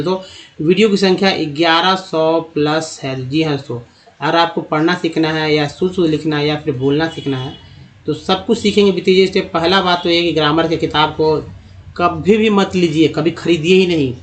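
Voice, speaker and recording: A man teaches English spelling sounds step by step, asking and answering his own questions as he goes. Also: fairly high pitch. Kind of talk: spoken English phonics lesson.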